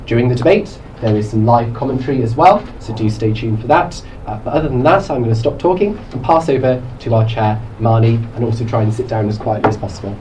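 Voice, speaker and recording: A man's voice: medium pitch, expressive, fast, few pauses. A young man, the president of a student debating society, opens a debate event in a chatty way with many filler sounds. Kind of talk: opening remarks at a debate event. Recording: distant mic with faint room noise.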